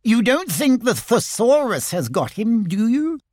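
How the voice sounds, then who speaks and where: Piglet, a squeaky timid little pig. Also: male voice, sing-song, a little slow, dry recording, clean studio sound, exaggerated voice. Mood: anxious. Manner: anxious, pleading. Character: small timid young male pig, eager.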